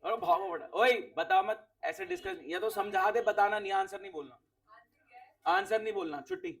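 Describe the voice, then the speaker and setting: Strict teacher quizzing a class. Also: male voice, high voice, very animated, moderate pace, creaky, distant mic. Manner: strict, quizzing students, repeats words. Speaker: accounts teacher.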